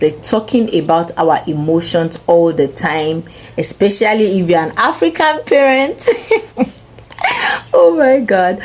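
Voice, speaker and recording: A young woman speaks slowly in a low, mellow voice as she hosts a parenting channel. Her tone is earnest and gentle, and she addresses parents directly with advice. She never hurries. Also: poor audio. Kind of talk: spoken parenting advice to camera.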